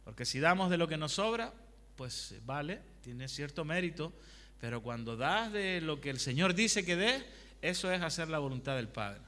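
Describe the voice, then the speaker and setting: A man's voice: fairly high pitch, big pitch swings, moderate pace, fairly bright tone. A male pastor preaching a conversational sermon, asking the congregation questions and telling personal anecdotes. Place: church hall. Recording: long hall reverb.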